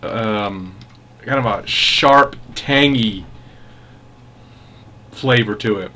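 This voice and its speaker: A man giving a casual product review as a pipe tobacco reviewer, musing in an unhurried, halting way with savoring enthusiasm. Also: on the low side, pushed and bright, a little hiss or hum.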